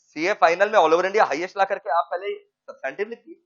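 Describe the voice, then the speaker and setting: A man voicing a male student who respectfully complains to his teacher, in a slightly lower voice than his own, recorded with a dull lo-fi sound. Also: quick pace, a bit bright. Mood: complaining.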